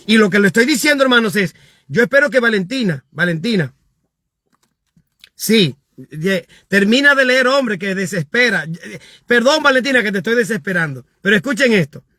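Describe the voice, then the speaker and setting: A man, a pastor, preaching emphatically and reading out viewer comments, rising to shouts on his key points. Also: high voice, no room sound, studio quality.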